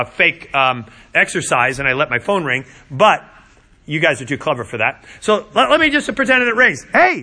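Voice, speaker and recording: Bright-voiced, animated male Bible teacher. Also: high voice. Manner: animated and conversational, with frequent repeated words. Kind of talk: classroom lecture.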